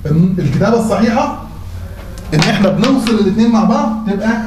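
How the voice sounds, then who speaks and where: Talking fast and animatedly in a high-sitting voice, a man with an Egyptian accent runs a classroom lecture in which he asks students questions and answers them himself. The classroom or mosque hall sounds roomy, with faint noise.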